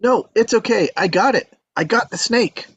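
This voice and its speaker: A man's voice: high-pitched, normal speed, breathy edge, no echo. A man reading an earnest, polite eighteen-year-old young man in a table read. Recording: dull lo-fi audio.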